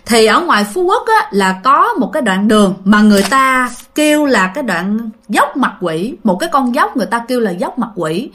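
A woman's voice: a little high, sing-song, a little fast, hardly any pauses, fairly bright tone. A woman with a Southern Vietnamese accent casually telling a ghost story, chatting to listeners with fillers and repeats.

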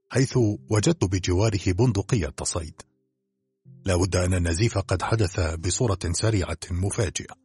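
A man's voice: deep voice, a little mellow, husky, full character voice. An actor playing a curt, self-assured older male doctor in an audiobook drama.

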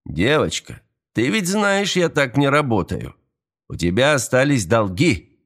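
A man voicing a sneering gang thug, high and taunting. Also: sing-song, a little slow, fairly bright tone, heavily acted. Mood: menacing. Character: sneering young male gang thug, cruel and mocking.

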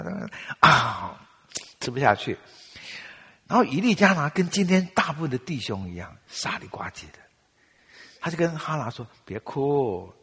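A male pastor preaches in a church, his voice deeply husky and his delivery lively and humorous. His words hang in a long reverb that fills the hall. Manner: humorous, animated storytelling. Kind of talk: sermon.

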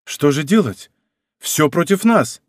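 A man's voice: on the high side, lively intonation, slow, dry recording, clean studio sound. A man voicing a young king torn between love and duty in an audiobook, speaking with hesitant anguish. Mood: helpless. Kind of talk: audiobook character reading.

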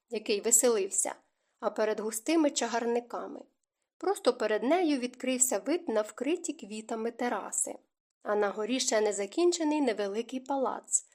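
Woman reading a novel aloud, smooth even storytelling, highish voice. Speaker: audiobook narrator. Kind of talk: scripted narration.

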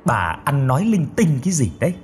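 A gruff old grandfather, read by a male narrator, brushing off fears with curt scolding. His voice still moves lively in pitch. Faint noise lies beneath the audiobook. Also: fairly quick.

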